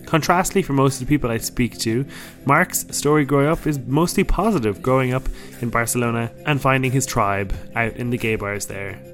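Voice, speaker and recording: A man's voice: medium pitch, a little fast, fairly bright tone, faint music behind. Hesitant male podcast host. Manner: hesitant, restarts questions. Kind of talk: documentary interview.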